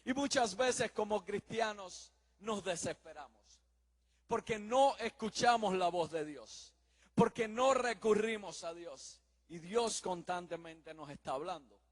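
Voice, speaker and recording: A man's voice: high-pitched, measured pace, big-room sound. A man preaching a sermon, earnestly telling anecdotes and addressing listeners directly. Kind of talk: sermon with storytelling.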